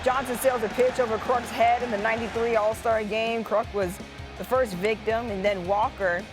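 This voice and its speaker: High-pitched woman hosting a top ten sports countdown. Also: steady tone, moderate pace. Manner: conversational asides and playful reactions. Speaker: sports show co-host. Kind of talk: top ten countdown commentary over highlights. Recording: loud music bed behind voice. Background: music.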